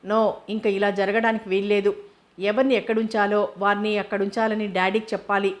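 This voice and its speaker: Woman narrator doing a brusque young male doctor; keep the delivery flat and even. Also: medium pitch, a little fast, natural voice. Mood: brooding. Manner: brusque, brooding inner monologue. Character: young man, hot-tempered doctor.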